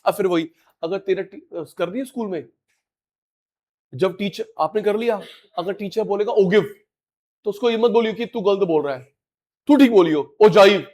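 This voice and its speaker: A middle-aged man teaching a live online class, animated and coaxing, repeating key words to his students. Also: high-pitched, moderate pace, pauses often.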